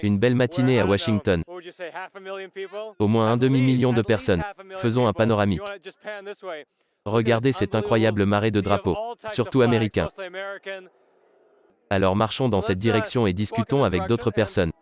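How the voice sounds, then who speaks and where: A man's voice: on the low side, steady tone, normal speed, long pauses. Man reporting outdoors from a big crowd. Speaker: field reporter. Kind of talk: on-the-street reporting. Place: outdoors at a large rally. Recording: loud crowd behind.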